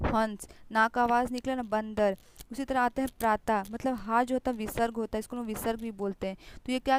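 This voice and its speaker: A woman's voice: on the high side, a little hiss or hum, poor audio. Patient woman teaching young children. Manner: patient, repetitive explaining with examples. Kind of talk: online Hindi grammar lesson for young children.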